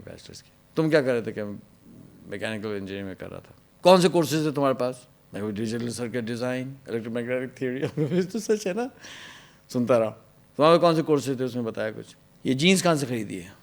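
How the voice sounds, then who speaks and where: A man telling his life story in an interview. He acts out an angry interrogator and drops to a hushed voice for his own answers. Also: gravelly. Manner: drops to a hushed, low voice when quoting himself.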